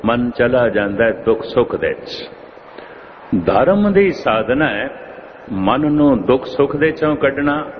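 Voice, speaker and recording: A man preaching a religious discourse at an unhurried, deliberate pace, circling back to repeat his key phrases for weight. His voice sits in a middle register. The sound is thin and phone-like, with a faint hiss underneath. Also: mid-range voice. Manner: measured, repeats phrases for emphasis. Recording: tinny phone-like lo-fi audio with faint noise.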